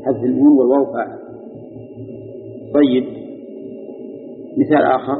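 A man's voice: medium pitch, steady tone, moderate pace, soft background music. A man teaching Arabic grammar to a class, repeating rulings and quizzing his students. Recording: phone-like sound with long hall reverb.

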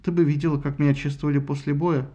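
A man voicing a modest, gentle young warrior speaking softly to his wife. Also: fairly high pitch, little pitch movement, fast, natural voice. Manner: soft, modest.

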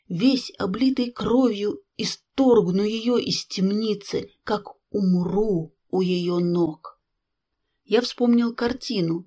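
A woman narrating a classic novel in first person, calm, measured and reflective. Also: mid-range voice, slightly rough. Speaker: audiobook reader. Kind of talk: scripted literary narration.

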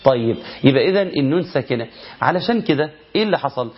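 A man with an Egyptian Arabic accent teaching a tajweed lesson, asking rhetorical questions and chanting verse examples slowly. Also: medium pitch, animated, husky, dull audio. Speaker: Quran recitation teacher.

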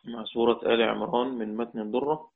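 A man's voice: mid-range voice, flat delivery, fast, vocal fry. A man with an Egyptian accent teaching a lesson on Quranic readings, explaining step by step, putting questions to his class and repeating key phrases. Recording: tinny phone-like audio.

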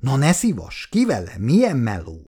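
A man reading an audiobook, voicing a blunt, excitable male buddy who talks in slang. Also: medium pitch. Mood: excited.

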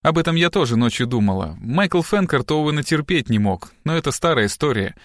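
A man voicing a distraught, sharp-tongued middle-aged wife and mother in an audiobook, with sharp, agitated outbursts. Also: on the high side, expressive, brisk, no echo, clean studio sound, lightly acted. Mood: fretful.

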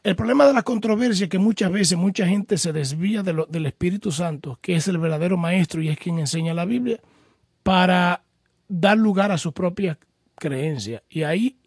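Taking callers' Bible questions on his radio program, this pastor teaches patiently with homely examples and formally calls the caller brother. His voice is high-ish, husky and gravelly, a little mellow, at a moderate pace, recorded dry and close with no room sound.

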